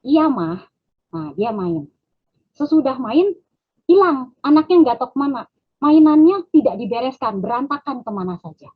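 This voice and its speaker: A fairly high, breathy woman's voice shares a personal testimony at an online prayer meeting. She speaks directly to her listeners and acts out small exchanges with her child. The sound comes over a thin, narrow phone-like line. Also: sing-song, moderate pace. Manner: addresses listeners as "Bapak Ibu sekalian". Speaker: lay preacher sharing a testimony.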